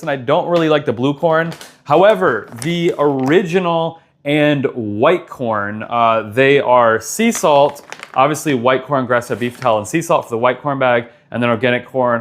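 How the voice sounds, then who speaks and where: A man's voice: medium pitch, normal speed, a little hiss or hum. Casual, enthusiastic man reviewing products.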